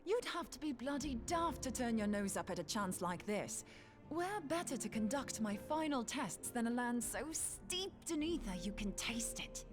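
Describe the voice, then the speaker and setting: A woman's voice: fairly high pitch, very animated, normal speed. An actress voicing a brash, teasing scholar woman in a video game, with cheeky banter and music playing behind her. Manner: cheeky, bantering, uses British slang.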